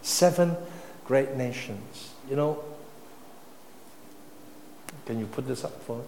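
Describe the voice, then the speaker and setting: A man preaching a sermon, emphatic, swinging between loud and soft phrases. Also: medium pitch, slow, gravelly, a little hiss or hum. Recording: echoey hall, faint ambience.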